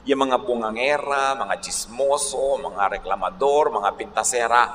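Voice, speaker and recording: A man's voice: mid-range voice, measured pace, fairly bright tone, a little hiss or hum. A man with a Filipino accent preaching a sermon, mixing Tagalog and English and acting out little quarrels. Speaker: pastor. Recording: echoey hall recording.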